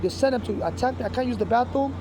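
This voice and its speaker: Urgent fast-talking man on a noisy street. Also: very high voice. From Nigeria. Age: 40s. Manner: urgent, repetitive, stammering restarts. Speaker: street vlogger appealing for donations. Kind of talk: rambling direct-to-camera appeal. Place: outdoors on a city street. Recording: loud street traffic noise outdoors.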